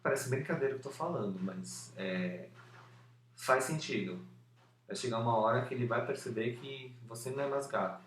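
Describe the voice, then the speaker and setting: In an indoor room where street noise drifts through an open window, a man who once stuttered shares his method for overcoming it in an unscripted talk to camera. He speaks slowly in a mid-range voice, with some repeated syllables and frequent fillers. The recording sounds roomy and distant, with faint background noise.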